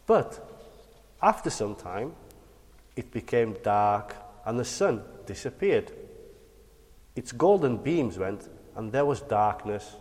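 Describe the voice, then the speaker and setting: A man telling religious bedtime stories to children like a kids' show host, animated and encouraging. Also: medium pitch, slow pace, pauses often. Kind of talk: dramatic bedtime religious storytelling. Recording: long hall-like reverb.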